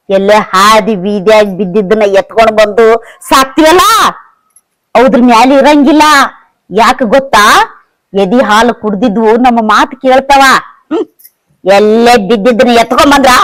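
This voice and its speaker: A woman's voice: fairly high pitch, lightly acted, low-quality recording. An actress playing a scornful, rich village stepmother-in-law, speaking with a North Karnataka accent. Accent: North Karnataka Kannada. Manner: taunting, contemptuous. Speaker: actor.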